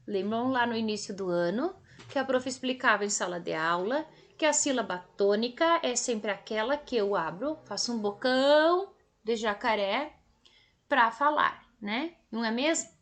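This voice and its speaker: A woman primary school teacher with a Brazilian Portuguese accent, giving a recorded lesson to children in a slow, didactic way that stretches words out for emphasis. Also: on the high side, lively intonation, fairly bright tone.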